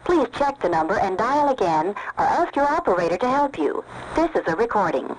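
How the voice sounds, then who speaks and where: A woman delivering a formal recorded telephone announcement in a measured, polite, repetitive way, heard through a fuzzy, crackly, distorted phone recording. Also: medium pitch, sing-song.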